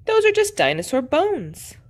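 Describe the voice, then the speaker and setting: A woman's voice: high-pitched, wildly swooping pitch, moderate pace, pitched above the performer's own voice. A woman voicing a jolly father pig in a storybook read-aloud, explaining kindly.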